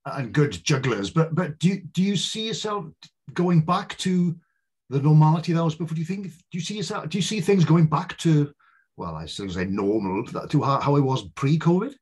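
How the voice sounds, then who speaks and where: A man's voice: fairly high pitch, lively intonation, moderate pace, a little mellow, husky. A man with a West Welsh accent hosting a podcast interview, chatty and full of stumbling restarts. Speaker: podcast host. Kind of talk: casual interview chat.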